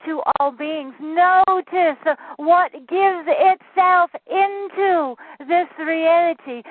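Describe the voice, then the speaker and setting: A woman's voice: extremely high pitch, no echo, voice pushed up. A woman voicing a benevolent channeled spirit guide, giving solemn, repetitive, incantatory commands to her listeners. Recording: tinny phone-line sound, dry.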